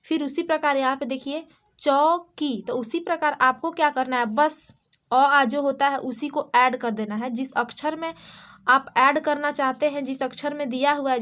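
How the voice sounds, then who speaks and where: A young Indian woman teaching a class of small children, spelling out sounds slowly and repeating each word. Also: high voice, fairly even intonation, fairly bright tone.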